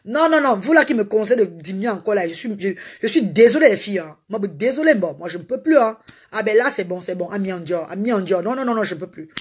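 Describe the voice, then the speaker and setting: A woman's voice: medium pitch, expressive, fast talker, darkish tone, slightly rough. A woman hosting a casual live stream, talking animatedly and repetitively to her viewers and greeting them by name. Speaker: live-stream host selling a slimming potion.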